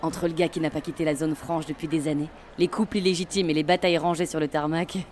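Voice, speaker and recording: An actress playing a chatty, matter-of-fact airport customs officer. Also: female voice, low-pitched, steady tone, fast, darkish tone, slight background noise, lightly acted. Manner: familiar, matter-of-fact advice. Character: chatty female airport customs officer, nothing surprises her.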